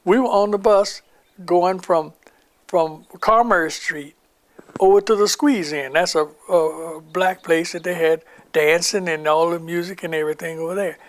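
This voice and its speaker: An older man with a high voice and moderate pace shares wartime army memories in an oral history interview. He rambles along, acting out the people he quotes.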